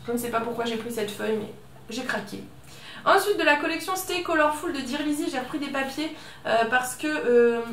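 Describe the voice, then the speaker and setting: Chatty high-voiced woman doing a craft haul, bit far from the mic, echoey room. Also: fairly bright tone, slight background noise. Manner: chatty, self-mocking, lots of fillers. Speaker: scrapbooking vlogger. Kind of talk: casual haul video chat.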